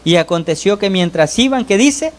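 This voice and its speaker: A man preaching a sermon to his congregation, often pausing to call on the brothers and ask "¿verdad?", his voice rising and falling sharply between phrases. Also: lively intonation. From El Salvador. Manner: pitch and loudness swing widely between phrases. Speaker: lay preacher.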